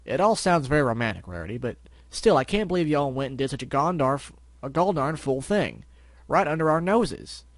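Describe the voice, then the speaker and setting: A man's voice: a little high, very animated, moderate pace, few pauses, dry recording. A man voicing a plain-spoken country mare pony in a storybook reading, with a folksy, scolding drawl. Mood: exasperated.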